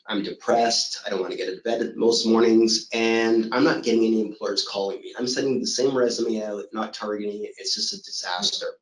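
Middle-aged guy, lowish voice, giving a motivational talk, echoey room, tells his story with lots of acted-out bits. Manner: storytelling, animated, acts out quoted voices. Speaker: motivational speaker.

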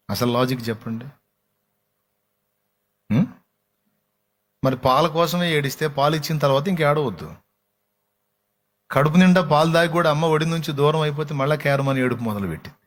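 A man's voice: mid-range voice, normal speed, long pauses. A man preaching a sermon with dramatic flair, firing rhetorical questions at his congregation.

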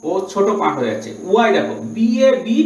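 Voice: mid-range voice, sing-song, fast talker, darkish tone, muffled recording. A teacher giving a grammar lesson, explaining step by step and spelling out words letter by letter. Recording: echoey room, voice from a distance.

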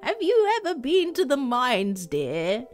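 A woman's voice: sits high, huge pitch swings, slow pace, faint music behind, voice pushed up, heavily acted. A woman voicing a sly, menacing old granny adventurer, for a video game. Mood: sweetly curious. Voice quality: sugary, elderly, with a hidden threat.

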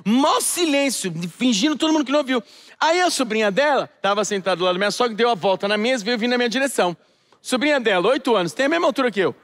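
A man from Brazil telling a stand-up story on stage, acting out each person in it with animated voices. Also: very high-pitched, racing. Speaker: stand-up comedian. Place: theater stage before a live audience.

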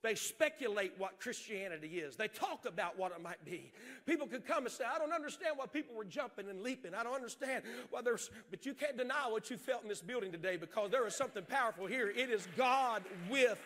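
High, bright-voiced impassioned preacher man. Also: lively intonation, fairly quick. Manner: impassioned preaching, swinging from shouts to hushed storytelling. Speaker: pastor. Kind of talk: sermon. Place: large church stage.

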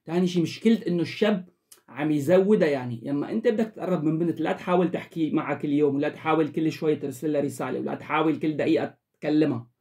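The host of an advice channel, a man, delivers an emphatic, lecturing monologue straight to the camera, repeating his instructions. His voice is on the high side, dark in tone, and rapid-fire.

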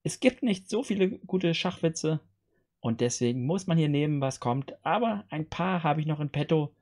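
A man's voice: fairly high pitch, animated, moderate pace, a little mellow. A man hosting a joke challenge on a video call, reading out short jokes and acting out their dialogue. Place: indoor room on a video call.

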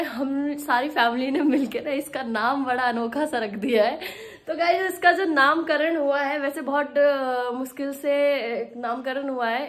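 Chatty young woman vlogging. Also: sits high. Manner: chatty, giggly, often laughing while talking. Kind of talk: casual vlog chat.

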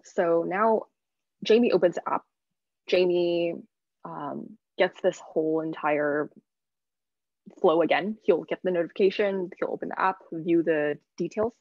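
Low, creaky young woman presenting. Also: measured pace, no echo. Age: 20s. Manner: informal, chatty. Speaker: design workshop presenter. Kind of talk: casual workshop presentation. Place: indoors on a video call. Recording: muffled, dull video-call audio.

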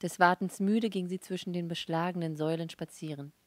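A woman narrates a novel aloud in calm, measured audiobook style. Her voice sits on the low side and the recording is dry with no room sound. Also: no echo. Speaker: audiobook reader. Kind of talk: scripted narration.

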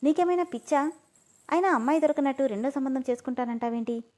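A woman's voice: sits high, fast talker, a little mellow, voice pushed up, natural voice. A woman voicing a blunt older man from a village, who talks in a scolding, matter-of-fact way.

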